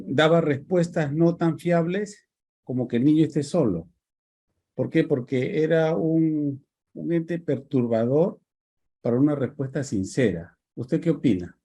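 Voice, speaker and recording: A man's voice: a little high, warm tone. A man with a Peruvian Spanish accent, a student in an online class, asking a question hesitantly with fillers.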